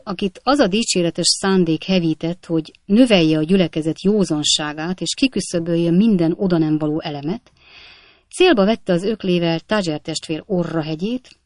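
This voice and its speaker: A woman narrating an audiobook in a measured storytelling delivery. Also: fairly low pitch, a little mellow, no echo, clean studio sound. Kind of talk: scripted narration.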